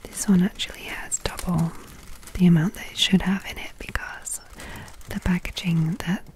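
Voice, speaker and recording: A woman's voice: on the low side, fairly even intonation. Whispering ASMR woman amid crinkling. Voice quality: breathy whisper. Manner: slow, gentle, chatty unboxing delivery. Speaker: ASMR video host. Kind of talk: soft-spoken whispered ASMR. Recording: close mic with crinkling plastic packaging. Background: crinkling packaging sounds.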